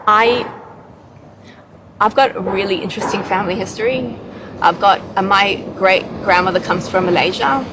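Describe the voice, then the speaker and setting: Gravelly-voiced mother, halting. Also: medium pitch, fairly bright tone, slight background noise, rough recording. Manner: heartfelt, halting with restarts. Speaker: guest, a mother. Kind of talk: emotional interview testimony.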